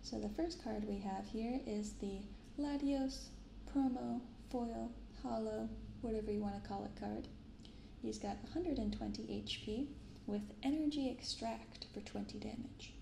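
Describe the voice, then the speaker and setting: A soft-spoken woman in her 20s with a creaky, slightly high voice hosts a card-opening ASMR channel. She chats gently and unhurriedly while unboxing, and the binaural recording sounds roomy, with clear background noise.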